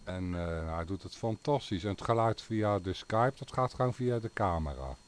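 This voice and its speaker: Low-voiced chatty radio host, a man. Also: animated, normal speed, clear, resonant tone. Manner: chatty, talks gear at length with fillers. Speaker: radio call-in show host. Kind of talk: casual on-air chat.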